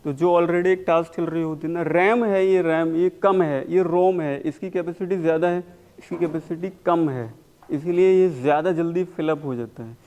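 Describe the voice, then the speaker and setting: A man teaching a spoken English class, mixing Hindi and English and slowly repeating words for his students to copy. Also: on the high side, fairly even intonation, darkish tone. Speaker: English communication coach.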